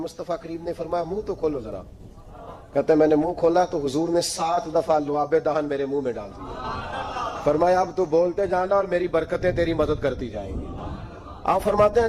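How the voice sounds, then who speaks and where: पुरुष, ऊँची आवाज़, धार्मिक बयान, उतार-चढ़ाव भरी नाटकीय कथा. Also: male voice, low-quality recording. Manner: acts out quoted voices with big pitch swings. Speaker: preacher. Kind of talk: sermon storytelling.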